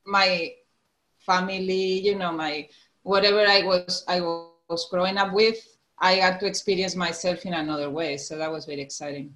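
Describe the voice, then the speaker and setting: In a rough recording, this Canary Islands guest in her forties talks in a lowish, fairly bright voice with fairly even intonation and a moderate pace. She has a Spanish accent, laughs a lot during the casual podcast interview, and keeps restarting sentences.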